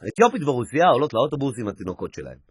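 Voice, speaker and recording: A man telling a string of jokes, animated and acting out the characters and sound effects. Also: medium pitch, slightly rough, dry recording, clean studio sound. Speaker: joke teller.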